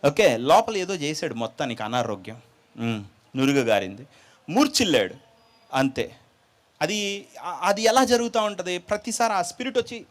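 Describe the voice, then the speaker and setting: A male preacher giving a humorous sermon, telling a story and acting out its dialogue. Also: fairly high pitch. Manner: animated, acts out dialogue, jokes with listeners.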